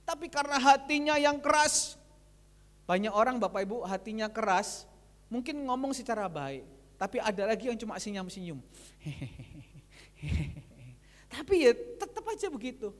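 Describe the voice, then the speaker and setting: A man's voice: sits high, a little slow. A male pastor, preaching a sermon that retells conversations and speaks directly to the congregation. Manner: lively preaching that switches between retold dialogue and addressing the congregation. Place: large church hall. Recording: long church hall reverb.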